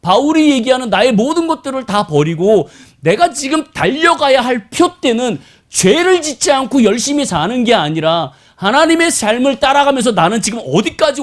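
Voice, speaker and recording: A middle-aged male pastor preaching a live Sunday sermon in a conversational style, often putting questions to the congregation. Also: extremely high pitch. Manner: animated, conversational, asks the congregation rhetorical questions. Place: church worship service.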